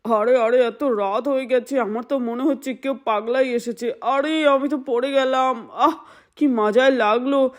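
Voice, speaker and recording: A woman's voice: sits high, steady tone, normal speed, close to an everyday voice. A woman voicing a timid man who pleads with his brother to come see who is at the door, in a doll-play story. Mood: scared. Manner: fearful, pleading.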